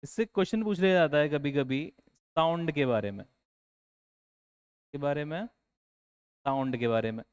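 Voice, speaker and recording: Smooth-voiced man teaching a class. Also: fairly high pitch, moderate pace, long pauses. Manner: asks the class questions and answers them himself. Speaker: English teacher. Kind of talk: classroom lecture for exam students.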